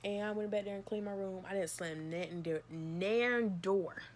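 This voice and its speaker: A woman's voice: medium pitch, normal speed, slight background noise. A young woman vlogger candidly retelling a personal story in a casual, emphatic way, with slang and swearing. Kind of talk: storytime vlog.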